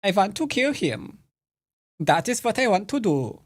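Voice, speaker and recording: An American streamer and Go teacher with a high, very animated voice talks unhurriedly while commentating live on his own game. He's playful, teasing his opponent with lighthearted trash talk.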